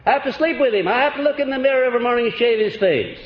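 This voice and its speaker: High-voiced man on an old recording. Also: expressive, rapid-fire. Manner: folksy, chuckling, quizzes his audience. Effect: old archival recording. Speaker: seminar lecturer. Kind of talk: motivational seminar lecture. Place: lecture hall before a live audience. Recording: echoey, dull old lecture-hall tape with faint hiss.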